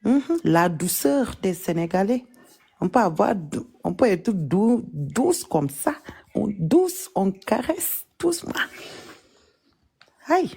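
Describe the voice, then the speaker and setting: A woman from Senegal with a Senegalese French accent, hosting a casual live chat in a teasing, mocking way with lots of drawn-out repetition. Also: mid-range voice, big pitch swings, creaky, dark tone, breathy edge. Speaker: live stream host.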